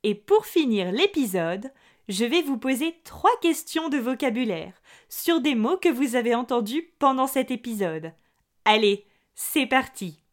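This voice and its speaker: A woman hosting a podcast lesson for learners, speaking clearly and addressing her listeners directly in a friendly, articulate way. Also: sits high, expressive, unhurried. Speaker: podcast host teaching French.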